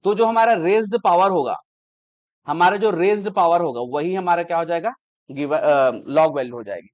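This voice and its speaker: Male math teacher, high-pitched, repeats steps, lo-fi classroom audio. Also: moderate pace. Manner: explains patiently, repeats steps, checks understanding.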